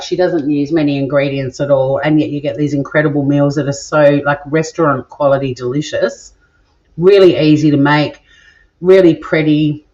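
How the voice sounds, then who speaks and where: On a dull, lo-fi home recording, a middle-aged Australian cooking vlog host chats with viewers during a live stream from her kitchen, reading their comments playfully and occasionally swearing. Her voice is low with a darkish tone.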